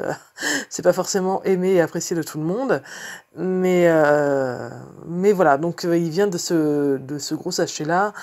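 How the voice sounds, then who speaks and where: A woman with a low-pitched voice talks through her card-making in a relaxed vlog. She rambles in a chatty way, full of fillers and restarts. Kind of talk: casual craft vlog chat.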